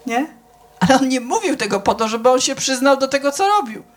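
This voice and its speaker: A woman's voice: high-pitched, expressive, a little fast. A middle-aged woman giving an informal sermon, chatty and conversational, often asking the audience if they follow and acting out the people she quotes. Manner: conversational, keeps checking with the audience; acts out quoted people with shifts in voice. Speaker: church speaker.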